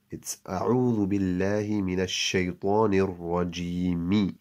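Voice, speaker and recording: A man's voice: low-pitched, warm tone. A man teaching an online class, patiently spelling out letters and sounds. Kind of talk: online lesson.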